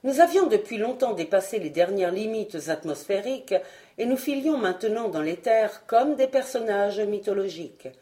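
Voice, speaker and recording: A woman's voice: mid-range voice, lively intonation, normal speed, dark tone. A woman reading a novel aloud as an audiobook, narrating expressively in the first person. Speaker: audiobook reader.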